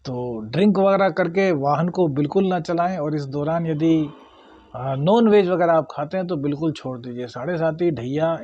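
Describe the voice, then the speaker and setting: A man's voice: a little high, darkish tone, slightly rough, no room sound, highs cut off. A man, an astrologer giving a monthly horoscope talk and advising viewers earnestly, calling them brother.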